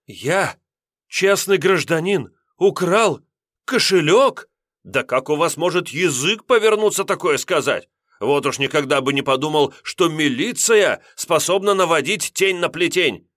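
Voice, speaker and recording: A man's voice: fairly high pitch, animated, unhurried, a bit bright, no room sound, studio quality, pitched above the performer's own voice. A man voicing a smarmy male pickpocket who plays dumb and answers with mock-innocent sarcasm. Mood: sarcastic, indignant.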